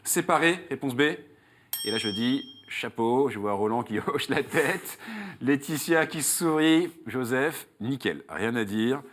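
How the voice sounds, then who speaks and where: A man's voice: medium pitch, lively intonation, slow pace, a bit bright. A man hosting a televised quiz show, playful and joking, reading questions and answer options with emphatic rises. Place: TV studio.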